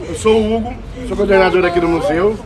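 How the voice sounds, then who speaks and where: High-voiced man welcoming museum visitors. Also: fast. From Brazil. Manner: friendly, inviting, laughing easily. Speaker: museum coordinator.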